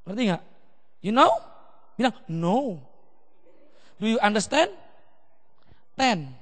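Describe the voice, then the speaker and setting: A man pastor preaches with a very high, bright voice that rings through a large echoing hall. He keeps the sermon lively, slipping into quick voices of children and parents. His words carry long reverb from the room. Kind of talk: seminar sermon.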